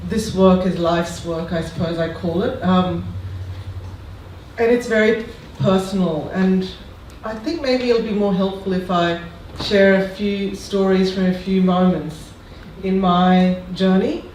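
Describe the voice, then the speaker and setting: Slow, reflective panelist, very echoey. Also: mid-range voice, steady tone, a little mellow. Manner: reflective, halting. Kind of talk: panel discussion. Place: lecture room. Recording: very echoey room, distant mic, faint noise.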